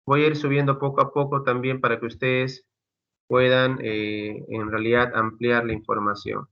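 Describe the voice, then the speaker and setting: Over a video call, a university lecturer chats his way through his course materials, calling his students "chicos" and using lots of fillers. His mid-range voice has a flat delivery at normal speed, picked up by a computer mic in dull lo-fi call audio.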